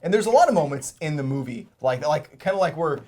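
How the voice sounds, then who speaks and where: A man co-hosting a movie review podcast in casual chat, laid-back and quick to laugh, who often trips over and repeats his words. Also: fairly high pitch, expressive, a little mellow.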